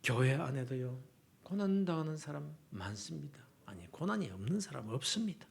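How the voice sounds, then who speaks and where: A male pastor delivers a revival sermon with fervent intensity, his voice sitting high for a man and carrying a gravelly rasp. He surges to loud declarations, then drops to a hushed near-whisper to draw the listener in. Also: sing-song, normal speed. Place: church sanctuary.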